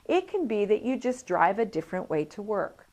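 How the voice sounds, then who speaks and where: Woman teaching a parenting class, super animated, voice jumps all over, tells little stories. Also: medium pitch, moderate pace. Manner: animated storytelling, acts out quoted voices. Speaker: coparenting class instructor. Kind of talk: lively teaching talk with anecdotes.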